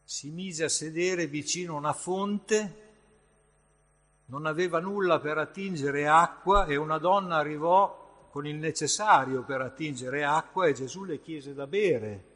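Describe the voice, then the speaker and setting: Male preacher, slightly high, husky voice, unhurried emphatic sermon, long hall reverb. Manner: slow, emphatic delivery with sudden surges in loudness.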